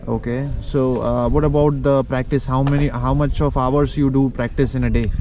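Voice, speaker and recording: A man's voice: mid-range voice, little pitch movement, moderate pace, dark tone. A man with an Indian accent conducting a conversational interview in an encouraging manner. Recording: faint background ambient noise.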